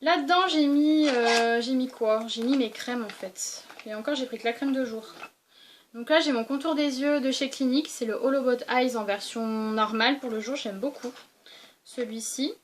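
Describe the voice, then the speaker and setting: Chatty young woman, higher voice. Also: moderate pace, a little hiss or hum. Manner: chatty, many fillers and restarts. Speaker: beauty vlogger. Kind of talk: casual show-and-tell vlog.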